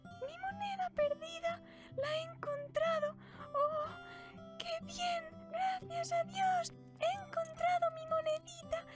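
A very high, squeaky puppet village woman, fretful and exclaiming as she talks to herself. Her lines come out slowly and deliberately. Music plays underneath. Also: fairly even intonation. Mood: fretful joy. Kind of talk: children's puppet show acting.

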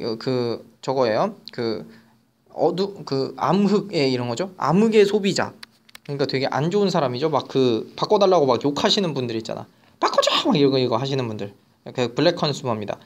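A teacher giving an online vocabulary lecture who mixes casual and polite speech and keeps checking in with students. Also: mid-range voice.

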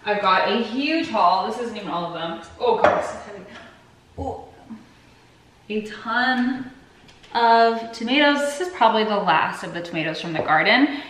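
A woman in her twenties vlogs from her home kitchen, chatting casually and rambling to the camera while a bit sick and sniffly. Her mid-range, fairly bright voice is expressive at a normal pace, and the kitchen sounds echoey.

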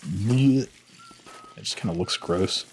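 A man's voice: on the low side, slow, slight background noise. A man hosting a let's play, rambling loosely and swearing a lot in sleepy, stoned gameplay commentary. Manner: rambling, loose and heavily profane.

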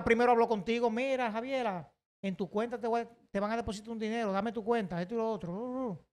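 A man's voice: very high voice, fairly bright tone. Indignant Dominican man ranting. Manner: indignant, emphatic, repeats himself. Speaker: online commentator. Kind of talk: heated opinion commentary.

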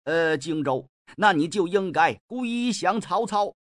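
A man voicing an arrogant, mocking male scholar in an audiobook, with drawn-out, scornful cries. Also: high-pitched, animated, no room sound, clean studio sound. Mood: haughty.

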